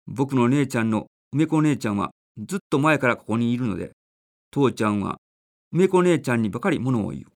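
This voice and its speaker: A man gives a spiritual talk in a calm, measured and polite manner. He reads a story aloud and then explains its lesson. His voice sits in an ordinary middle register. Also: medium pitch. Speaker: religious speaker. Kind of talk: sermon with a read-aloud story.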